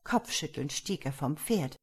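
Husky-voiced woman reading a fairy tale. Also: low-pitched, unhurried. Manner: lively, expressive narration. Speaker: storyteller. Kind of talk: storybook reading.

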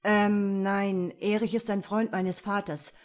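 A woman's voice: medium pitch, steady tone, takes it slowly, close to an everyday voice. A woman reading an audiobook, voicing a tense young man who sees ghosts. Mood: uneasy.

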